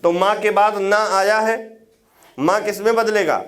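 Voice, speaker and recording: High-voiced male grammar teacher. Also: unhurried, a bit bright. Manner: explains step by step with tag questions; repeats key words for dictation. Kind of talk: exam prep lecture.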